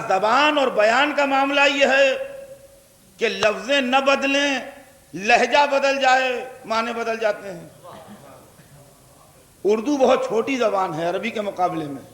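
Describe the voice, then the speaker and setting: On an echoey 1982 hall tape, a man with a Lucknow Urdu accent preaches a majlis before a large crowd. His voice is very high and a bit bright, and he pauses often while he explains with repeated examples and questions the listeners.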